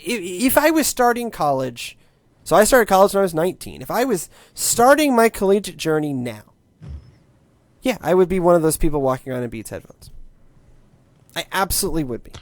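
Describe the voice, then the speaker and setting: A man in his late twenties talks tech on a casual podcast. His voice swings widely in pitch as he rambles wryly, often restarting his sentences. The sound is dry and close, with no room around it. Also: a little fast, dry recording. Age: late 20s. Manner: animated, wry, rambling with restarts. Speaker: podcast co-host, tech commentator.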